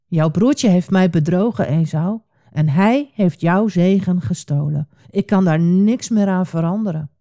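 A woman's voice: lowish voice, measured pace, few pauses, dark tone. A woman voicing an old father who trembles with shock and regret in a storybook reading. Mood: grave. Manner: trembling, startled.

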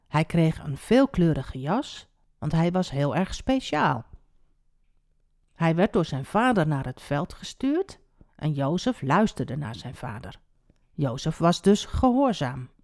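A woman telling a Bible story to children, expressive and speaking directly to the young listener. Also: lowish voice, no room sound, clean studio sound.

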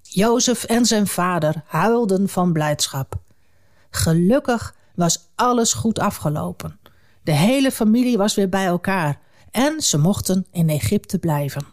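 Animated woman telling a children's Bible story. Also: mid-range voice, a little slow. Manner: animated, addresses young listeners.

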